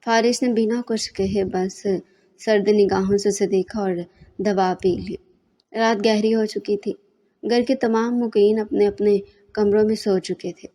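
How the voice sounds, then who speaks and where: A woman with a Pakistani accent reading a novel aloud in steady, measured storybook narration. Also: medium pitch. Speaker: novel reader.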